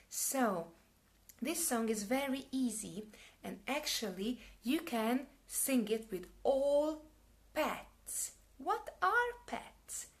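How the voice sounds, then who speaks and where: Slow, high-voiced woman teaching children. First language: Hungarian. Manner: slow, clearly spoken, warm sing-song teacher talk. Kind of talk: live story time for children.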